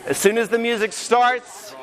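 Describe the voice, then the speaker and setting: A man presenting a hands-on teacher training workshop, upbeat and energetic as he demonstrates to a room of teachers. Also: very high-pitched, normal speed, crowd noise. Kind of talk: live teacher training session. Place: conference room with audience.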